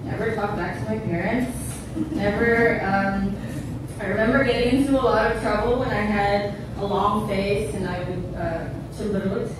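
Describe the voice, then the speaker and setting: A woman's voice: mid-range voice, normal speed. Woman in her twenties, echoey church testimony. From born in Indonesia, raised in the United States. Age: 20s. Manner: conversational, relaxed, light humor. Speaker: church member giving a testimony. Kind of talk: personal testimony talk. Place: church sanctuary. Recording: very echoey room, far mic, background noise.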